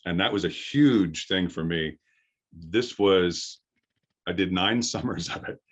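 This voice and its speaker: A middle-aged man with a deep, firm voice gives an informal workshop lecture as a voice acting coach, explaining haltingly with pauses for thought. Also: breathy edge, muffled recording.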